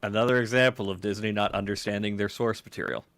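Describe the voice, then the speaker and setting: A man's voice: lowish voice, fairly even intonation, fast, a bit bright, no room sound, clean studio sound. A man in a casual chat while a game is played, talkative and opinionated about movies.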